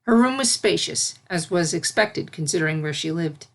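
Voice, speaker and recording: Reading from a script, a woman narrates a fantasy piece of fan fiction at a moderate pace. Her voice is lowish and creaky, with lively intonation.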